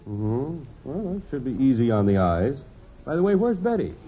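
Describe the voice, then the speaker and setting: A man's voice: mid-range voice, very animated, normal speed, husky, soft background music. An actor playing an affable, dryly joking father in a 1950s radio sitcom. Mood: wry. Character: wry, easygoing middle-aged family father. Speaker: father of the family. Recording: tinny old radio transcription with hiss.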